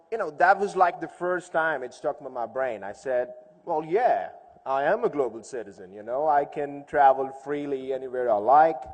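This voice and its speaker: In a big, reverberant hall, a man speaks informally to a conference audience in a medium-pitched, slightly mellow voice. He keeps it conversational, weaving in stories and rhetorical questions while the echo lingers.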